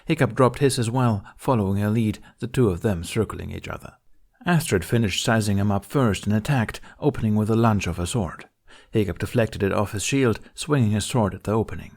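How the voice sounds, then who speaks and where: With expressive, audiobook-style delivery, a fairly low-voiced man narrates fan fiction presented as scripted prose. He reads a little fast.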